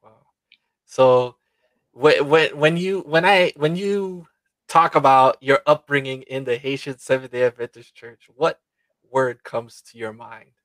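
A man hosting an interview, responding warmly and stammering through his questions with many fillers. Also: medium pitch, unhurried, dry recording. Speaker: interview host. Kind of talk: conversational interview.

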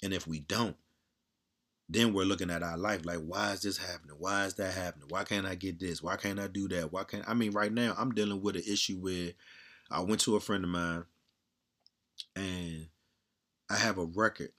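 In a casual monologue, a man with a strong, loud, low-pitched voice talks bluntly and candidly, repeating himself and swearing freely. His intonation stays fairly even and his speed is normal.

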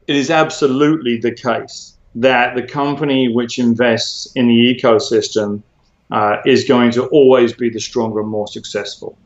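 A man being interviewed, explaining at length in a measured way with frequent fillers and restarts. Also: medium pitch. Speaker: interview guest, former tech executive. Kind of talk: conversational interview. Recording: roomy, dull lo-fi sound.

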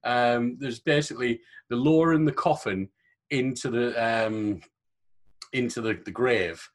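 A man's voice: mid-range voice, measured pace. A man co-hosting a podcast, chatting casually and joking as he rambles. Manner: joking, rambling, laughs often. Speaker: podcast co-host. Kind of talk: casual chat.

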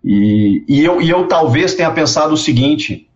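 A man, telling stories in a casual interview, animated and repeating words as he goes. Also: on the high side, moderate pace. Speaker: guest. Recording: dull lo-fi sound.

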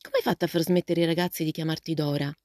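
A woman voicing a shy, courteous teenage boy in a storybook reading, speaking politely and softly. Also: deep voice, flat delivery, fast talker, no room sound, clean studio sound, lightly acted.

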